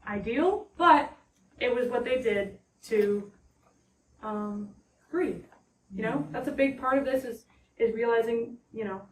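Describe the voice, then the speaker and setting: A woman with a fairly high voice leads an informal guided tour, explaining things in a conversational, halting way. She is recorded at some distance in a roomy, echoing indoor space with some noise around her. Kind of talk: informal guided tour narration to a small group. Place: indoors in a house parlor. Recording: roomy echo, distant mic, background noise.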